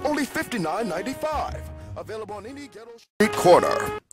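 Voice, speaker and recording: Infomercial pitchman: high-pitched, loud, exaggerated hard sell, parody ad, music bed. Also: sing-song, fairly quick. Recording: music behind the voice.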